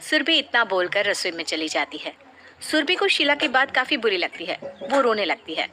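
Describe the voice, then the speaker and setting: A woman narrating a cartoon moral story in an even storytelling manner. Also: mid-range voice, normal speed, a little hiss or hum.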